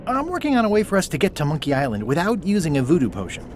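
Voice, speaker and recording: Animated, eager would-be pirate. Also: male voice, on the high side, very fast, a little hiss or hum. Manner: animated, wry. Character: eager, wry, good-natured male would-be pirate adventurer. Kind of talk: video game voice acting.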